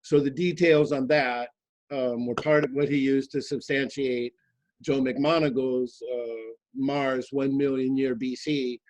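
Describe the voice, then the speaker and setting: A man's voice: mid-range voice, fairly even intonation, measured pace, darkish tone, no echo, low-quality recording. A man on a group video call asking the host careful, detailed questions. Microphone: video call mic.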